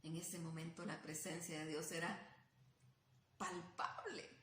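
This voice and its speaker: A woman's voice: low voice, flat delivery, unhurried, fairly bright tone, slight background noise. A woman preaching a sermon in Spanish, retelling scripture with dramatic questions and rising emphasis. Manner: storytelling, dramatizes the disciples' questions. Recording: echoey room.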